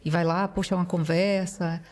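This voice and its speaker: A woman's voice: fairly low pitch, level tone, normal speed, a little mellow. Hesitant woman podcast host. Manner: reflective, hesitant, many fillers. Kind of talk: podcast conversation.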